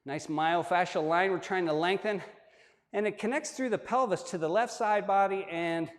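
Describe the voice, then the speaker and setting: Male yoga teacher, slightly raised pitch, laid-back and joking, recorded with a long room echo. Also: moderate pace. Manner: relaxed, joking asides while demonstrating. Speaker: yoga instructor. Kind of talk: guided yoga class instruction. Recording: long hall-like reverb.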